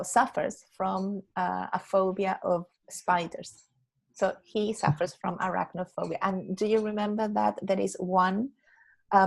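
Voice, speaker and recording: Woman, English teacher on a video call, mid-pitched and gravelly, patient and repetitive, checks understanding often. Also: rough recording. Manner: patient, explains slowly, checks understanding with "yeah?". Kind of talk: online English lesson.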